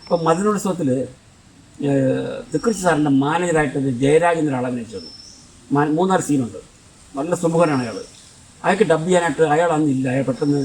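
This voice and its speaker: An older man with a Kollam Malayalam accent rattles through his memories at a quick clip, his voice sitting somewhat high for a man. He rambles and restarts mid-sentence. The mic is some distance away, so he sounds a little removed. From Kollam, Kerala, India. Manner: rambling, conversational, with frequent restarts. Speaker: film director. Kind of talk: reminiscing storytelling.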